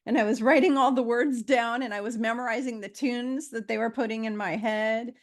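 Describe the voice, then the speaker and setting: A woman's voice: on the high side, fairly even intonation, brisk. Rambling woman in her fifties. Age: 50s. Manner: meandering, with frequent fillers and restarts. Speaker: guest. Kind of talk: casual conversation.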